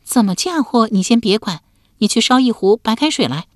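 A woman doing a coy, sharp-witted young wife. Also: on the high side, lively intonation, no room sound, studio quality, voice pushed up, lightly acted. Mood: scheming. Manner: coy, sharp-tongued, deliberate.

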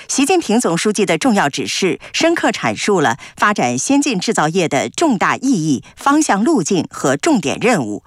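Woman, formal news narration, standard Mainland Mandarin, lowish voice, dry studio sound, measured. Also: dry recording. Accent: standard Mainland Chinese Mandarin.

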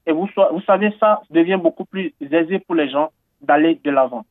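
This Beninese man, speaking at a moderate pace in a fairly high voice, answers radio interview questions eagerly and earnestly. Hesitations, fillers and repeated words come often, and the tinny, phone-like audio carries no room sound.

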